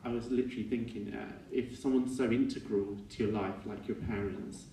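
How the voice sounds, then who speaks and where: Halting, low-voiced man speaking in an echoey room. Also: fairly even intonation, gravelly, dark tone. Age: middle-aged. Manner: halting and reflective, with self-corrections. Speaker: son giving a eulogy for his father. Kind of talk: informal funeral speech. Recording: echoey room, distant mic, faint noise.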